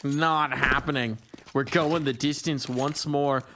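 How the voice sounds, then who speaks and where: A man's voice: mid-range voice, steady tone, slow. A man giving live esports play-by-play commentary, making dramatic, declarative calls in clipped phrases. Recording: clear game noise, gunfire and clicks. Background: game gunfire and clicks.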